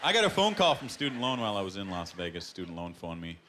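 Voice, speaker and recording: A man from Canada doing a stand-up comedy set into a handheld mic, telling stories with punchlines in an animated way. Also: deep voice, quick pace. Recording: live show with loud background noise.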